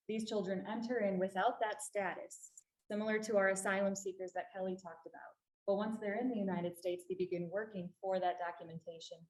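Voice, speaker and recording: A woman from a refugee services agency giving a public talk to a library audience, explaining earnestly and stressing key points. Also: medium pitch. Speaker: refugee services staff presenter. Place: library meeting room. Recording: echoey room.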